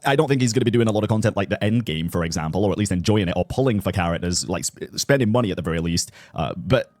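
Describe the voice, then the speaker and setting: A man's voice: lowish voice, expressive, racing, darkish tone, no echo. A man giving casual, off-the-cuff reaction commentary in a conversational, hedging way, often repeating himself.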